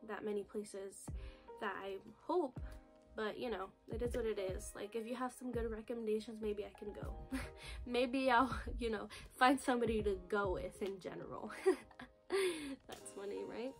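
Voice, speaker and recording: A woman's voice: on the high side, a little slow, soft background music. A woman in her twenties from the United States, talking nervously and chattily in a casual vlog recorded on her phone, with lots of "like" and "you know". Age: 20s. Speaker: vlogger. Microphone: phone camera video.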